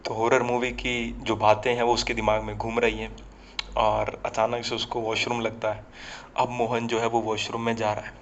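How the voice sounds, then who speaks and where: A man's voice: medium pitch, monotone, normal speed, slight background noise. A man casually telling a horror story, talking directly to listeners, on a slightly muffled recording. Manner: conversational, addresses listeners directly.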